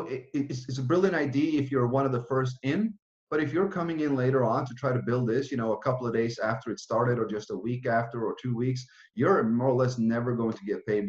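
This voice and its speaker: Man on a roomy lo-fi webcam call. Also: medium pitch. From Norway. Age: 30s. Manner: casual, many fillers and restarts. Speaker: presenter. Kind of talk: online business presentation. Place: small room with whiteboard. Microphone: webcam video call. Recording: roomy, dull lo-fi webcam sound.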